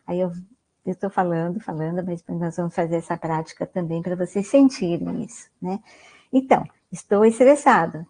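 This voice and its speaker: This woman's voice is on the low side and a little mellow, moving at normal speed. Speaking with a Brazilian Portuguese accent, she gives an online mindfulness talk as a guest lecturer, chatting casually, sprinkling in "né?" tags and asking the audience questions.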